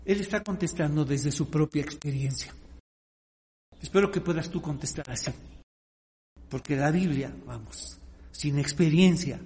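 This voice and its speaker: A man preaching a sermon, acting out the characters of the story with animated shifts of voice. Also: sits high, big-room sound. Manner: animated, acts out the blind man and the leaders.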